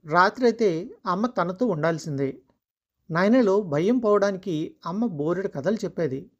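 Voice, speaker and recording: Measured storyteller on a dull recording. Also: medium pitch, expressive. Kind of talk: scripted story narration.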